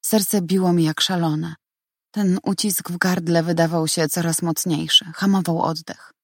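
A young woman reads a first-person story aloud in a calm, even, measured way. Her voice sits low for a woman, and the recording is close and dry, with no room sound. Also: no room sound. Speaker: audiobook narrator. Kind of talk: first-person audiobook narration.

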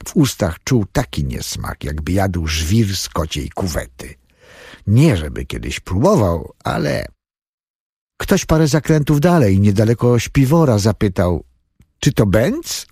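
A male audiobook narrator with a low, husky voice. His pitch moves in lively arcs as he tells the story, and the close recording is dry. The reading is scripted and expressive. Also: measured pace, no echo.

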